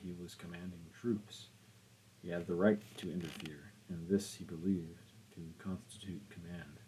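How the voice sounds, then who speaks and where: A male audiobook narrator reading a classic novel in a measured, deliberate voice. His tone is deep and dark, with a husky grain. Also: poor audio. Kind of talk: scripted literary narration.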